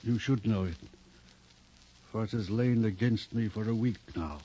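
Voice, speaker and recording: An actor playing a weary, melancholy President Lincoln in a 1950s radio drama, with a solemn, halting delivery. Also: male voice, lowish voice, dark tone, close to an everyday voice. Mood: haunted, grave. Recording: dull, noisy 1950s radio recording.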